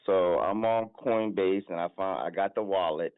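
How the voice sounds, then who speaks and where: A lowish male voice on a dry, tinny voice call. He speaks in an easygoing, slangy way. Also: normal speed, smooth, no echo. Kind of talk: casual chat, asking for help.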